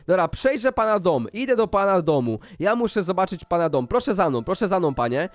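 A man hosting a Minecraft role-play video, talking excitedly to viewers and exclaiming often, with faint music behind. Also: high-pitched, a little fast, no room sound. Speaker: gaming YouTuber.

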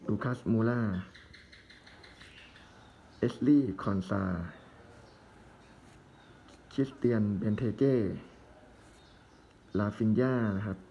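Low-voiced man calling out cards. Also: slow, pauses often, mellow, highs cut off, slight background noise. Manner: reads out player names in short bursts with chatty asides. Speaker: trading card vlogger. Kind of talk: casual commentary while opening card packs.

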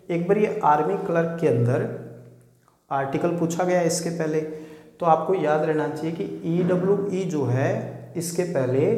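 A man's voice: a little high, dark tone. A man teaching an exam-prep grammar lesson, explaining patiently and checking in with his students. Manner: explanatory, repeats points, checks with "ठीक है". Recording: echoey room with long reverb.

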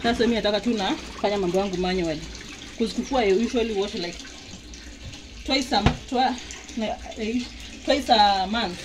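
Speaking at a moderate pace with medium pitch and long pauses, a Kenyan vlogger walks viewers through a casual how-to in her small home laundry space. She films on a handheld phone, chatting and pointing things out in mixed Swahili and English, and the audio is noisy from running water.

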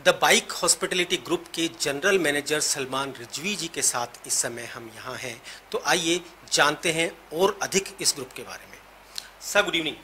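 A man's voice: fairly high pitch, animated, a little slow, over music. A man reporting and interviewing for TV, enthusiastic and polite, with a handheld mic. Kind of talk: TV presenting and interviewing.

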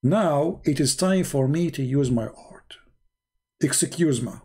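This male online commentator has a slightly high, creaky, husky voice with a darkish tone and a slow pace. His mocking monologue rambles sarcastically in broken non-native English, full of mock-naive questions.

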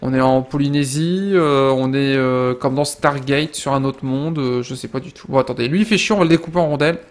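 A young man giving casual let's-play commentary, rambling to his viewers and breaking into loud exclamations during fights. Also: mid-range voice, brisk. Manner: chatty, rambling, addresses viewers directly. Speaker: gaming video creator.

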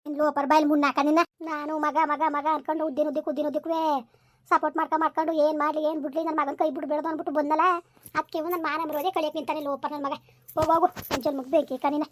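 A woman's voice: sits high, little pitch movement, very fast, natural voice. A woman playing a furious village mother who scolds her son in a rural comedy skit, hurling repeated insults. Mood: scolding.

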